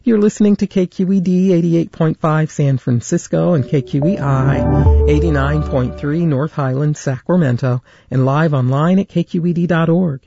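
A man in the role of a radio station announcer, reading the weather and station identification in a measured, even delivery, heard through a small tinny clock radio. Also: on the high side, gravelly, soft background music.

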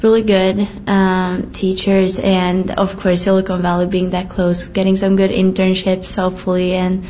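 Young Swedish woman with a flat voice. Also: medium pitch, normal speed, few pauses, highs cut off, slight background noise. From Sweden. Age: young adult. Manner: hesitant, many fillers. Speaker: student athlete. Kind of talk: interview answers.

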